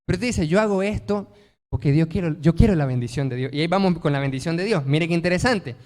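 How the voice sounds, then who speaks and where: A pastor delivers a sermon to his congregation. His voice sits high for a man, and he leans hard on key words. He keeps asking the room questions and answering them himself. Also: fast talker, a little mellow, in a large hall. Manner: emphatic, asks rhetorical questions and answers them.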